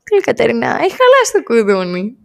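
A woman guest on a podcast, telling a story in casual chat and acting out the quoted lines with lively energy. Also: fairly high pitch, creaky.

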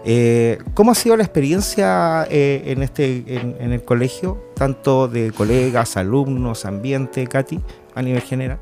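A man's voice: medium pitch, measured pace, over music. A man co-hosting a school podcast, asking the guests questions and teasing them. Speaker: podcast co-host and teacher. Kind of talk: casual school podcast interviewing.

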